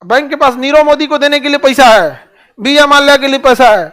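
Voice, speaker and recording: A man's voice: very high-pitched, fairly even intonation, brisk, fairly bright tone. A man teaching a classroom lecture in colloquial Hindi with a Bihari accent, often asking his listeners rhetorical questions.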